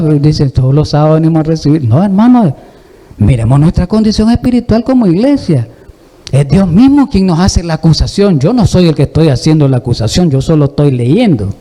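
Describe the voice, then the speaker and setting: A man's voice: high voice, warm tone. A man preaching a sermon, exhorting the congregation and asking it rhetorical questions.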